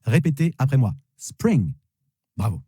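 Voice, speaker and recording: Dark husky man teaching vocabulary. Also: medium pitch, very animated, no room sound. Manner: slow, repeats each word three times. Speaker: English teacher. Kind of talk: vocabulary lesson, repeating words.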